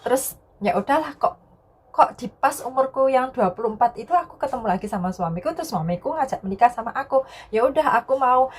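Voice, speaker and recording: A young Indonesian woman with a fairly high, breathy-edged voice tells her viewers a personal story in an easygoing vlog. She often says things twice and finishes sentences with a soft filler word.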